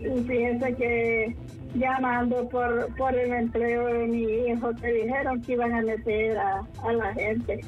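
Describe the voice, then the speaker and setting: A woman in her seventies with a Honduran accent, calling a radio show and pleading haltingly with many restarts. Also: a little high, flat delivery, faint music behind. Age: 70s. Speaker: caller. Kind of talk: phone-in complaint. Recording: muffled phone line into radio.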